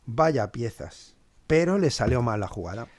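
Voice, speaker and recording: Man as a sardonic manservant, mid-pitched, dry close sound, storybook podcast. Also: big pitch swings, measured pace, no echo. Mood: wry. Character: Sosia, wry cynical male servant. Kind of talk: scripted two-hander narration.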